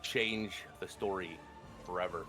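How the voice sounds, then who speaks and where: A man acting as game master, narrating a tabletop fantasy game with suspenseful, drawn-out phrasing. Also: sits low, fairly even intonation, pushed and bright, faint music behind.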